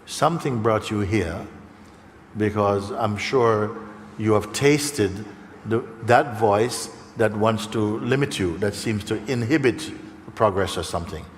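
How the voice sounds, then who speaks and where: A man's voice: lowish voice, slow pace. Guy giving a spiritual talk to a crowd, chatty, keeps asking okay?, big echoey hall, bit of hiss. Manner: conversational, often checks in with "okay?" and "you see?"; acts out the voices of people he describes. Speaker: spiritual teacher. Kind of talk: spiritual talk to a live audience. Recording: long hall reverb, faint background noise.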